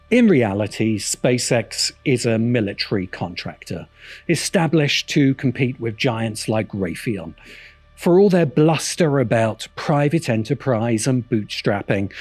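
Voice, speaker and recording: Over background music, a video essay host delivers scripted polemics with drama, scorn and heavy emphasis. He has a husky, mid-range voice with a darkish tone, and there's no room sound.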